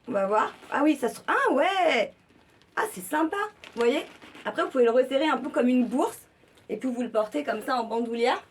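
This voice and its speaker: Chatty young woman, breathy, distant mic. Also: fairly high pitch. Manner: chatty, enthusiastic, addressing viewers directly. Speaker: fashion vlogger. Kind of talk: casual try-on haul talk.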